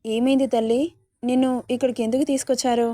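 A commanding old matriarch of a rich household, stern with her staff yet tender with a frightened girl, as a woman narrator puts her on. The voice sits a little high, with a narrow, even melody. Its tone is mellow and dark, recorded close and dry. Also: quick pace, no room sound, lightly acted. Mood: soothing. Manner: commanding, then soothing. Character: stern but tender wealthy old grandmother.

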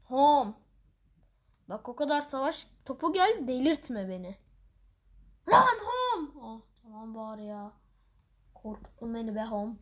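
A woman giving playful, excitable gameplay commentary as she plays, breaking into loud outbursts. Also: fairly high pitch, normal speed. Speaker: gaming channel host.

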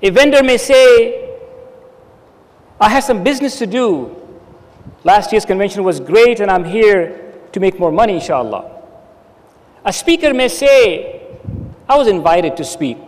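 A middle-aged man delivers a Friday sermon with earnest, emphatic exhortation. His voice sits unusually high. He speaks into a stand microphone, and a long reverb trails each phrase. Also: animated, measured pace, pauses often. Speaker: preacher. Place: dark stage with curtain backdrop. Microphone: stand mic at the lectern.

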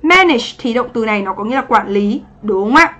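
Running an exam review on livestream, this woman English teacher welcomes viewers by name and keeps the tone chatty, asking for confirmation after each point that they understand. She speaks a little high with lively intonation, at a fairly quick pace and with a sharp tone.

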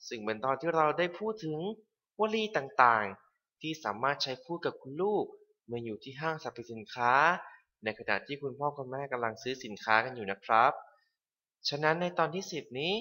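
Bright-voiced man hosting a lesson. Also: mid-range voice, expressive. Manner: polite, clear, slow deliberate English phrase reading. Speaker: English lesson host. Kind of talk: scripted instructional narration for parents.

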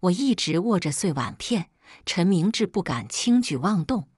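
A woman's voice: lowish voice, sing-song, moderate pace, a little mellow, breathy edge, dry recording, clean studio sound. A woman telling a first-person family drama story, reading the quoted dialogue dramatically.

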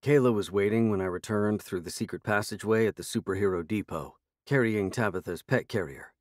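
A man's voice: lowish voice, a little fast, no echo. A man narrating a fantasy audiobook in the first person, in a dry, wry storytelling manner.

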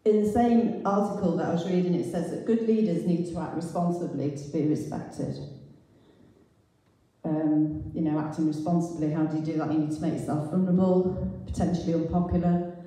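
This middle-aged woman's voice sits low and warm, slightly fast and fairly even, as she delivers an informal sermon explaining scripture readings. The large church hall is very echoey, and her handheld mic through the speakers is recorded by a far-off camera.

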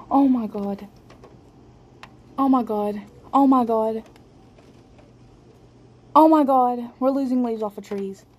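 Long pauses break up this woman's slow speech as she films a storm on her handheld phone, scared, trembling and breathlessly exclaiming. Her voice leans high, and the muffled, noisy amateur recording picks up storm ambience.

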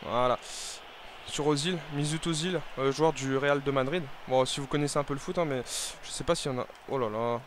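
A young man commenting casually on his own football video game, rambling and hesitant with many fillers and restarts, breaking into excited shouts at the game. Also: mid-range voice, brisk, background noise. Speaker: gaming video creator.

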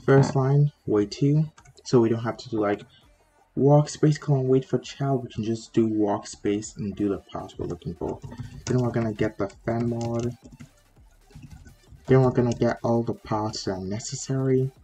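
A man's voice: mid-range voice, steady tone, normal speed, dark tone, faint music behind. Man with a sore throat teaching. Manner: chatty, step-by-step, with frequent "like" fillers. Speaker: tutorial host. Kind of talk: casual screen-recorded coding tutorial.

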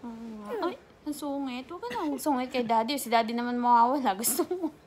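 High-voiced chatty mom vlogger. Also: female voice, lively intonation, brisk, a little hiss or hum. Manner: chatty, mixing Tagalog and English. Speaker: family vlogger, mother. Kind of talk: casual vlog.

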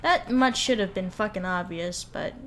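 A woman's voice: mid-range voice, moderate pace, a bit bright, a little hiss or hum. A woman hosting a let's play, giving casual, joking gameplay commentary and swearing freely.

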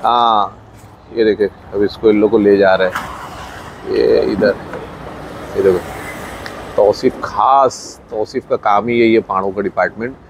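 His voice is lowish and fairly even, his pace a little slow with long pauses, and there's slight background noise. A farm owner with a Mumbai Hindi accent films his buffalo feeding on a handheld phone, chatting through the outdoor sheds, pointing things out, and mixing in English.

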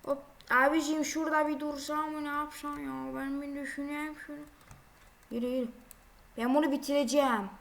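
A high-pitched woman chats her way through a driving game. She talks casually and exclaims a lot, scolding the drivers who block her way. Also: little pitch movement, brisk, creaky, a bit bright. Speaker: gaming video creator. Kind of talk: casual gameplay commentary.

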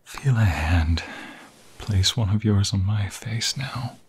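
A man performs a heavily acted, tender and intimate romantic ASMR roleplay as a vampire fiancé who is lovestruck and pleading. Pitched on the low side, he sounds breathy and husky, often whispering, with halting, emotional phrasing.

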